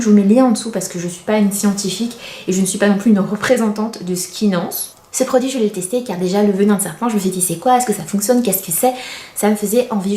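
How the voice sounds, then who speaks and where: Talking to her viewers in a casual product review, a thirty-something beauty vlogger sounds chatty, confiding, and a little self-deprecating. Her voice is mellow and soft-edged at a medium pitch, and the echoey indoor room around her is clearly audible.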